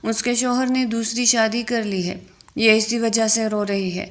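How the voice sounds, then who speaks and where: A woman voicing a sharp-tongued, impatient young female friend in a story reading. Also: fairly high pitch, level tone, lightly acted.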